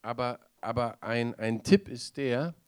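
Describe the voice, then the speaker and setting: A male preacher speaks in a conversational, mid-pitched voice that moves between loud, emphatic points and soft asides. He keeps checking in with his listeners and laughs along with them. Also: unhurried, smooth. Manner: conversational, lively, asks the audience questions. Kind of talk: sermon.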